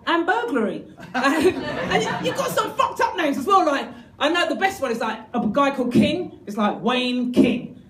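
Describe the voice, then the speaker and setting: A woman's voice: sits high, a little hiss or hum. Bawdy woman doing stand-up. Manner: bawdy, shouts punchlines in put-on voices. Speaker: stand-up comedian. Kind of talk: stand-up comedy set. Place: comedy club stage with laughing audience. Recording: echoey club, crowd laughter.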